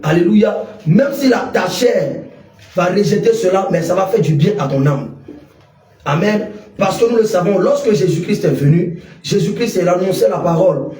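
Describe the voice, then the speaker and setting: High-voiced man preaching on radio. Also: animated, normal speed, dark tone. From Côte d'Ivoire. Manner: declamatory, repeats alleluia. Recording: echoey room, voice a bit far from the mic.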